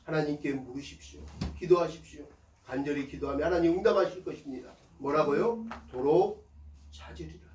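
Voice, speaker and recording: A male pastor preaching a sermon with call-and-response, swelling loud on key lines and dropping soft again. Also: fairly high pitch, fast, reverberant, far from the mic, a little hiss or hum, low-quality recording. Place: church sanctuary.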